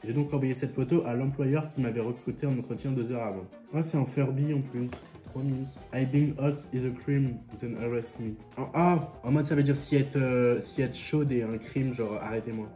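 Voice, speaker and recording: A man's voice: medium pitch, steady tone, a little fast, few pauses, dark tone, faint music behind. A young man with a French accent chatting casually and sassily while eating, swearing freely and talking with his mouth full. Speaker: vlogger reacting to viewer stories.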